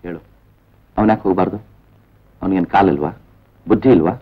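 An actor playing an irritable, suspicious husband who fires sharp, accusing questions, in a 1970s Indian film. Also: male voice, deep voice, fairly quick, breathy edge. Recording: dull old film soundtrack with faint music.

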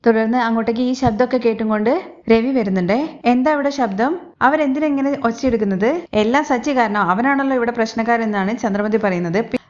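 A woman casually retelling a TV serial episode, chatty and quick, tagging her lines with a friendly "you know". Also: fairly high pitch, a little mellow, dull audio. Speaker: serial recap narrator.

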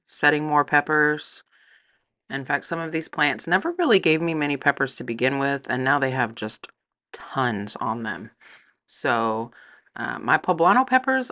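Low-voiced woman on a garden tour. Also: fairly bright tone. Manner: chatty and upbeat, with some fillers. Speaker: gardening vlogger. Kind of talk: casual garden tour narration. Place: outdoor backyard garden.

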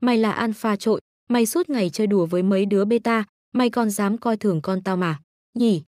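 A woman's voice: medium pitch, fairly quick, a little mellow, dry recording, clean studio sound, natural voice. A woman voicing a furious older chairman, an overprotective father who scolds bluntly. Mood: scolding.

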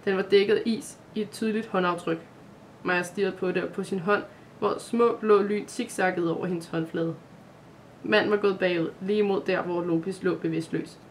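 A reader narrating a dramatic fantasy Christmas calendar story for children, in a steady, scripted storytelling voice. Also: mid-range voice, slight background noise.

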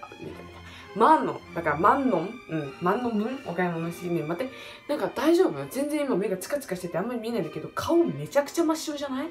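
早口で抑揚豊かな西日本なまりの若い女性. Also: female voice, medium pitch, fast. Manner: rambling, excitable, jokey. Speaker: vlogger. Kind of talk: casual solo vlog chat. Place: hotel room at night, indoors. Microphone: camera in front under bright lights. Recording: background music under voice.

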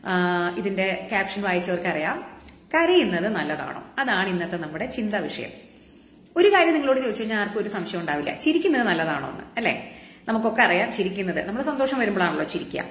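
A woman's voice: mid-range voice, sing-song, fast talker, echoey room, a little hiss or hum. A woman doctor giving a casual live-stream health talk, chatting with viewers and asking them rhetorical questions. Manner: conversational, asks the audience rhetorical questions.

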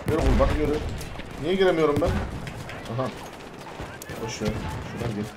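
A man talks through a shooter match in a casual, excitable way, slightly higher in pitch than most men. He swears and barks orders at his teammates. Loud gunfire and explosions from the game fill the recording. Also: fairly quick, heavy background noise. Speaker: gamer. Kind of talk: casual gameplay commentary. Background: game gunfire and bombardment.

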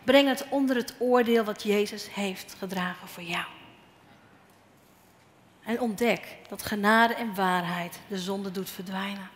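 A woman's voice: medium pitch, a little slow. A woman preaching a sermon, telling personal stories and acting out the dialogue, her voice a bit strained. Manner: animated storytelling, acting out dialogue. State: slightly strained voice. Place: church hall. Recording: echoey hall with faint noise.

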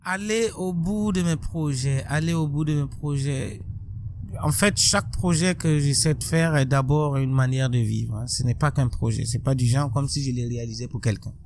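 This gravelly-voiced man from Burkina Faso, a musician guest, speaks at medium pitch in a reflective interview. His delivery is thoughtful and halting, with many restarts. A boom-arm studio mic picks him up in a bright room with plants and large windows, with slight background noise.

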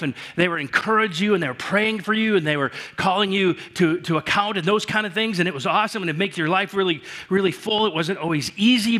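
A male pastor preaching a sermon in a church, speaking to the congregation in earnest and often restarting his sentences, his voice falling soft at the ends of phrases. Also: high voice. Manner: earnest, repetitive direct address with frequent restarts.

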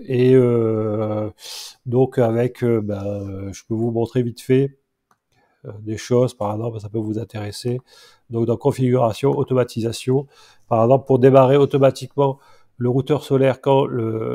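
Congested, mellow-voiced man, halting delivery. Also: mid-range voice. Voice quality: nasal, congested from a blocked nose. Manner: hesitant, improvised, halting delivery. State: stuffed-up nose from allergy. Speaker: vlogger showing his home solar setup. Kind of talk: casual screen-share tutorial.

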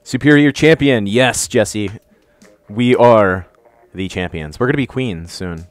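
A man chatting casually during a video game, laughing often and breaking into excited outbursts. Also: on the low side, measured pace, no echo. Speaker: gamer on a live stream. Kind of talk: casual gaming chat.

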